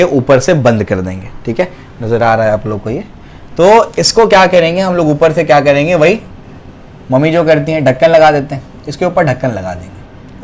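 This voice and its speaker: Male chem teacher, bit high voice, keeps asking "clear hai?" and answering his own questions. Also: a little mellow. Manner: repeats questions and answers them himself, keeps checking understanding; uses everyday home examples. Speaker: chemistry teacher. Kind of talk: classroom lecture.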